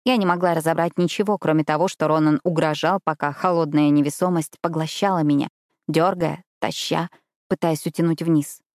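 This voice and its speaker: A woman reading a novel aloud in the first person, with steady, measured storytelling. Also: deep voice, no echo, clean studio sound. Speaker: audiobook narrator. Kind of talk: first-person scripted narration.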